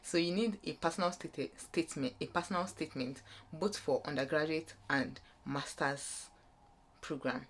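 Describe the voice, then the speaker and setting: There's a slight hiss or hum as this young woman, low-pitched and moderately paced, speaks with a Nigerian accent. In her vlog on student application advice, she explains casually without a script, drifting and reworking her points.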